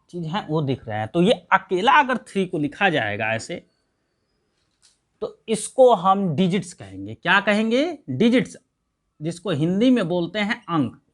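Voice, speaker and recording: A man's voice: high-pitched, big pitch swings, measured pace. A man teaching a math lesson, asking questions and answering them himself, counting aloud step by step. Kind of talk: classroom lesson.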